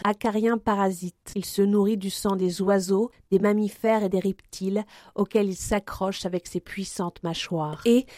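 A woman reading aloud in a steady, clear voice, mixing a storybook passage with children's book text. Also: mid-range voice, dry recording, studio quality. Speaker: reader.

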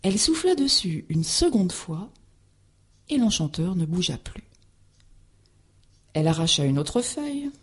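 Slow breathy woman reading a fairy tale. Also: fairly low pitch. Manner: expressive, deliberate. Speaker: storyteller. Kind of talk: storybook reading aloud.

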